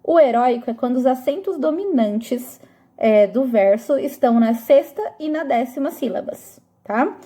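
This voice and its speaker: Woman teacher going over a review lesson, high soft mellow voice, slow and patient, keeps checking the class follows. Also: animated. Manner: explains slowly and patiently, checking in with frequent "tá?".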